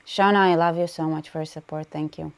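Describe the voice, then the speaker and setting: A woman's voice: low voice, fairly even intonation, fast, creaky, darkish tone. A woman with an Israeli accent hosting a casual livestream, chatting, laughing often and reading viewer comments aloud. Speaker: livestream host.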